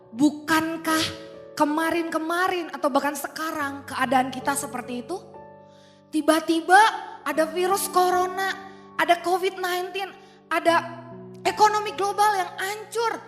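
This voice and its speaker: In a large hall, a woman with an extremely high-pitched voice delivers an animated, playful youth sermon for an online church service, slipping in English phrases. The hall is reverberant, with faint music behind her.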